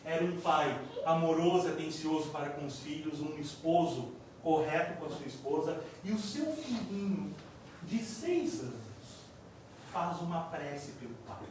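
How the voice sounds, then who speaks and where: A man giving a spiritist lecture, telling a story dramatically with big swings in loudness. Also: a little high, expressive, unhurried. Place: lecture hall. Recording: echoey hall from far off, faint noise.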